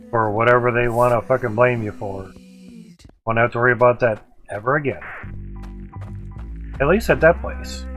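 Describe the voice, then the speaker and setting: With poor audio quality, this livestreamer talks his way through a video game, speaking to his viewers in loose, clipped bits of casual commentary. His voice is medium in pitch with a fairly bright tone.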